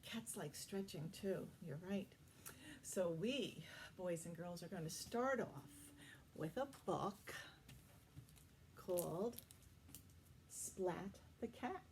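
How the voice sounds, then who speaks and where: A woman's voice: fairly low pitch, slow, pauses often, darkish tone, a little hiss or hum. A woman working as a children's librarian, leading a toddler story time with encouraging, simple phrases, questions and praise for young children.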